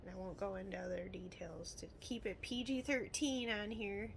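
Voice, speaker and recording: Speaking at normal speed with a steady, gravelly, mid-range voice, this Illinois woman vlogs in a loose, rambling way. Her Midwestern American accent comes through as she trails off into frequent asides, over some recording noise.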